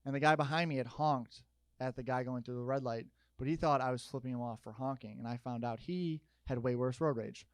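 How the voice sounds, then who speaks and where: Animated stand-up comedian, man. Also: medium pitch, fairly quick, no room sound. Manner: animated storytelling, jumping to loud shouted bits. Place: comedy stage with audience.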